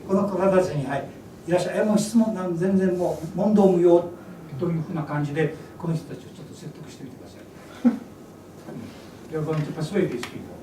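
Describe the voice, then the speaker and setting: Recorded at a distance in a noisy, echoing event hall, a workshop instructor teaches English speech, lecturing energetically and breaking into demonstrations in English. He speaks quickly in a high-pitched voice.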